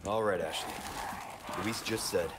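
Male actor as stoic game action hero: low-pitched, terse, wry deadpan, with clear game noise behind. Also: measured pace, close to an everyday voice. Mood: dry, wry. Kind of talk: video game dialogue.

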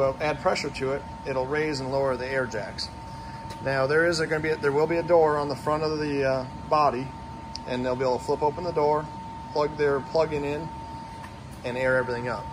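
A man who owns a fabrication shop, casually narrating a walkthrough of his projects, talking plainly with many pauses and fillers. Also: on the high side, noisy background. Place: large metal fabrication shop.

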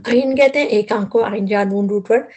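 A woman's voice: medium pitch, fairly quick, darkish tone. A woman teaching a word-by-word Quran lesson, patiently explaining root words and repeating herself as she goes.

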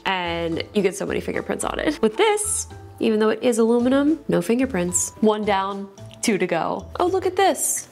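Woman, tech vlog host, bubbly, gushing, casual unboxing chat, studio, faint music behind. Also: mid-range voice. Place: her own studio.

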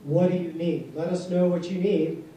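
A man leads a town hall as base commander, speaking in a measured, plainspoken, formal way. His voice is dark and mellow, slightly high. It is recorded from far off in a large echoey hall with a faint hiss. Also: level tone. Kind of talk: answering questions at a town hall. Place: large carpeted hall with seated audience.

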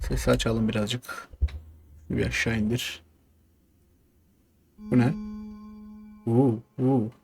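A man's voice: mid-range voice, little pitch movement, slow, creaky, long pauses, faint music behind. A young man casually commenting on a game as he plays, coaxing and cursing at it while talking to himself. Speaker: gaming YouTuber. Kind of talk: casual let's-play commentary.

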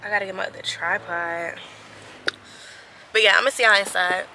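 A woman's voice: medium pitch, steady tone, normal speed, noisy background. A young woman fitness vlogger in casual, upbeat chat with her viewers, talking straight to the camera. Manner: upbeat and chatty, addresses viewers directly.

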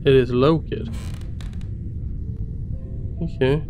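A man giving casual let's-play commentary, muttering to himself in a jittery, jokey way with a gravelly voice. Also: medium pitch, steady tone, normal speed, highs cut off, soft background music. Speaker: video game streamer.

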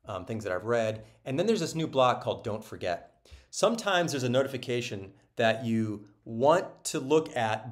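A man giving a casual, upbeat screen-share walkthrough of a software product, talking loosely with many ums and restarts. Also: medium pitch. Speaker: product presenter.

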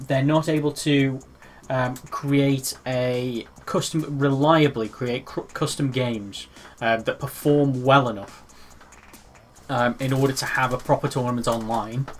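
A man's voice: mid-range voice, slight background noise. Rambling man co-hosting a gaming podcast. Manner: rambling with many fillers and restarts, teasing. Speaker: podcast co-host. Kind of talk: casual chat.

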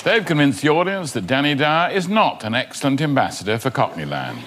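A man hosting a comedy panel show, announcing speakers and votes in a brisk presenter manner. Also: medium pitch, big pitch swings, a loud crowd, very noisy. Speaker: host.

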